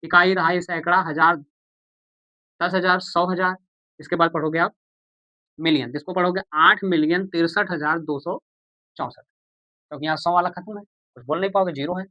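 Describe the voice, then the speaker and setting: A man's voice: high voice, steady tone, moderate pace, long pauses, dry recording, lo-fi sound. A man teaching a maths lesson, patient and repetitive, who asks the viewers questions and answers them himself. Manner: patient, repeats steps, calls viewers "beta" and "bhaiya".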